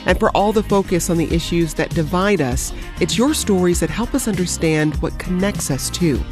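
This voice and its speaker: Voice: medium pitch, normal speed, music in the background. A radio announcer reading a station promo in a polished, upbeat way.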